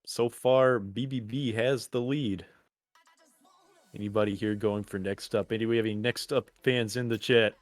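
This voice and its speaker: A man's voice: on the low side, fairly even intonation, moderate pace, no room sound, faint music behind. A man co-casting an amateur game tournament, running a chat poll with dry jokes and calling the play. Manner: dry joking, play-by-play calls. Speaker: co-caster. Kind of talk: casual esports commentary.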